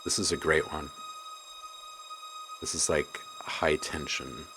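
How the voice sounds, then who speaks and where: A man's voice: a bass voice, steady tone, slow, background noise. A man hosting a casual live stream, reading viewers' comments aloud and musing on them, then muttering to himself while he edits sounds.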